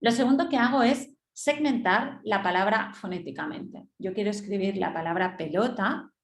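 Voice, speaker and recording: A woman's voice: mid-range voice, normal speed, a little hiss or hum. Woman teaching a webinar, echoey room. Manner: explains step by step, checks in with rhetorical "¿sí?". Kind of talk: instructive webinar lecture. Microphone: webinar computer mic.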